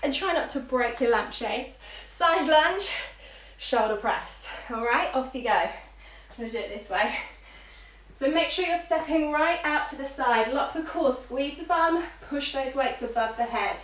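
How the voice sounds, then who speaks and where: A fitness instructor leads a live aerobics class, calling out moves and counts in short, encouraging cues. Her high voice is expressive, a bit bright and a little slow. The room is echoey, she is far from the mic, and there is faint noise.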